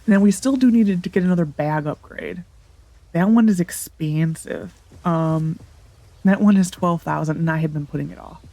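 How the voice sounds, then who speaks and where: At a moderate pace, a woman with a mellow, lowish, congested, and nasal voice gives casual commentary while she plays a farming game, with no room sound. This let's play gamer thinks aloud and keeps saying um and starting over.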